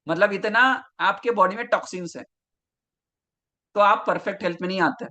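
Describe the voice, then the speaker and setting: A man's voice: sits high, fairly even intonation, normal speed, bright, forceful tone. A man, a health coach giving a live online masterclass, talking straight to viewers and reading out their names from the chat.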